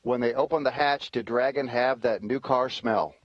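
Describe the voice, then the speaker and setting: A man's voice: mid-range voice, moderate pace. American male moderator on narrow-band link. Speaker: press conference moderator. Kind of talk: brief procedural moderating. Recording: narrow phone-like link, dry.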